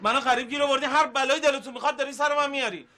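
A man's voice: extremely high pitch, bright, forceful tone. A man in his thirties playing a harried, polite married city man in a sitcom, pleading and growing exasperated. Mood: indignant. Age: 30s. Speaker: city outsider seeking a loan. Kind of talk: sitcom acting.

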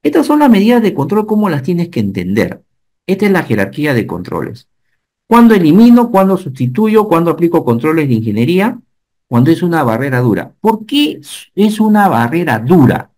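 A man, giving an animated online safety lecture and often checking whether the class follows. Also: fairly high pitch, brisk. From Peru. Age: 50s. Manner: animated teacher, asks the class checking questions. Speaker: occupational safety instructor.

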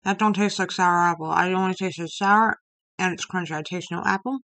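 A woman in her thirties chats casually to camera while eating sour candy, talking in short, halting bits with mumbled asides. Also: on the low side, fairly even intonation, fairly bright tone, dry recording. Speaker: vlogger reviewing candy. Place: small room indoors. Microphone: webcam or laptop mic at arm's length. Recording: noisy webcam audio with clicks.

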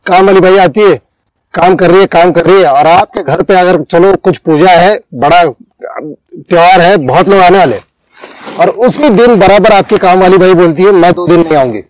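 Animated high-voiced Indian man. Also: moderate pace, no room sound, low-quality recording. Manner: animated, acts out quoted speech. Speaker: homeopathy teacher. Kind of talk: casual discussion.

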